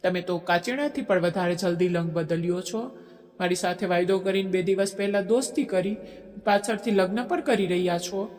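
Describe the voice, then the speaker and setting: A man voicing an obsessive, possessive young man in a storybook drama, forceful and speaking through gritted teeth. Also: high voice, level tone, fairly quick, gravelly. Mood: angry, desperate. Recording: echoey long reverb.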